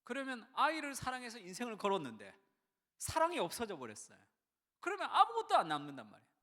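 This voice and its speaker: A middle-aged male pastor delivering a sermon with lively storytelling. His voice sits high and rings bright, and it leaps up and down as he acts out the people he quotes. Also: fast, long reverb tail. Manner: animated storytelling, acts out quoted voices, wide swings from hushed to loud. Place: church sanctuary.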